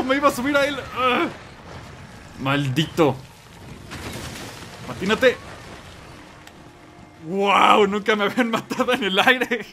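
A young Mexican man with a Mexican Spanish accent commenting on his own gameplay, excitable and quick to yelp and curse. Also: on the high side, slight background noise. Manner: excitable, yelps and curses at the game. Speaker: gamer. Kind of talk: let's play commentary.

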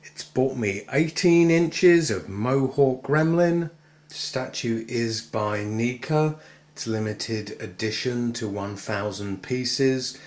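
A man's voice: medium pitch, takes it slowly, a little mellow. A man in his thirties with an English accent, chatting cheekily to camera in a casual vlog. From England. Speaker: vlogger. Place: inside a car while driving. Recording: road noise in moving car.

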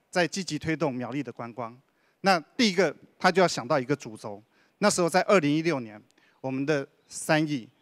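A man's voice: fairly high pitch, a bit bright, dry recording. A man with a slightly raised voice answers as a county official on a panel. He explains patiently, sprinkling particles through his sentences. The sound is dry. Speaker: deputy director of a county culture and tourism bureau.

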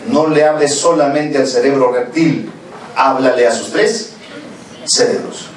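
A man giving a lively conference talk, acting out stories and firing questions at the audience. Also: medium pitch, measured pace. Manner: animated, questions the audience, acts out scenes. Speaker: conference speaker. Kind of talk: lecture with acted-out stories. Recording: echoey hall from far off, noisy.

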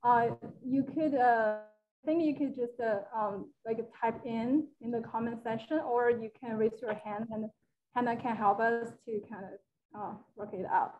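Young woman, high-ish voice, many fillers, muffled call audio. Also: fairly even intonation, a little slow, darkish tone. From China. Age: young adult. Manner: hesitant, many fillers and restarts. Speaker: guest speaker. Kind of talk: casual presentation on a video call. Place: living room with a large wall mural. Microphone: video call, laptop camera.

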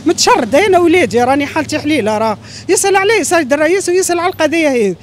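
A woman's voice: sits high, lively intonation, very fast, a little hiss or hum. A middle-aged woman with a Tunisian accent, speaking in an agitated, pleading, emphatic way in a street interview. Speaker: interviewee airing a grievance. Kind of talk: street interview, impassioned complaint. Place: outdoors on a busy city street. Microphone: handheld reporter microphone.

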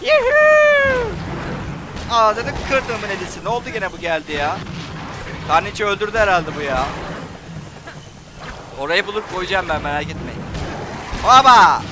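A man's voice: sits high, normal speed, long pauses, background noise. A young man doing let's play commentary, frustrated, swearing and taunting. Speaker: gameplay commentator.

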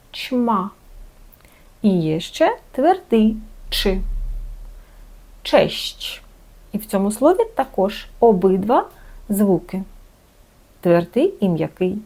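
A woman teaching a language lesson, saying words slowly and carefully to show their pronunciation. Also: medium pitch, mellow. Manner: careful, drawn-out word-by-word pronunciation.

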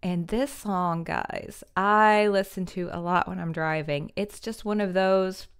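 A woman in her thirties talks through a song reaction with easy enthusiasm and frequent laughs. Her voice is smooth and clear at a middle pitch. She speaks into a studio mic in a small decorated room at home. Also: steady tone, unhurried. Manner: enthusiastic, chatty, laughs often. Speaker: music reaction host. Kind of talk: casual reaction commentary. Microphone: studio condenser mic on stand.

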